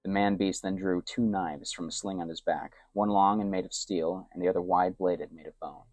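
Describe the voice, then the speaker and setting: Man, very deep voice, hushed story narration, dry close sound. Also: steady tone, fairly quick, no room sound. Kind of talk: soft-spoken story narration.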